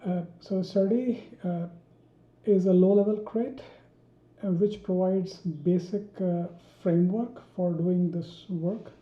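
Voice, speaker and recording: A woman teaching a coding tutorial, thinking aloud with many pauses, ums and restarts while she types. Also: lowish voice, steady tone. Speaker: programming tutor. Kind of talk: screen-recorded coding tutorial. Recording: dull roomy home recording.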